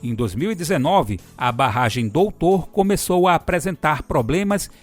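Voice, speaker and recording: A man's voice: a little high, animated, moderate pace, faint music behind. A man hosting a radio program, presenting in a friendly, upbeat scripted style that speaks straight to the listener.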